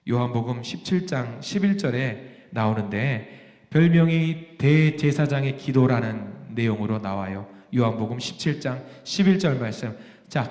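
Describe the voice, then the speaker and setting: A man's voice: medium pitch, darkish tone. A male pastor preaching a sermon in a church sanctuary, asking the congregation questions, joking with them and repeating key phrases with rising emphasis. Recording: echoey hall with long reverb.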